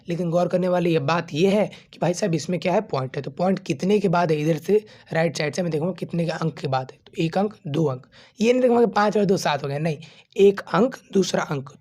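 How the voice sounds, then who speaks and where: Fast-talking male maths teacher. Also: high voice, a little mellow. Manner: explains step by step, asks and answers his own questions; informal, calls students 'bachche' and 'bhai'. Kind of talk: classroom-style video lesson.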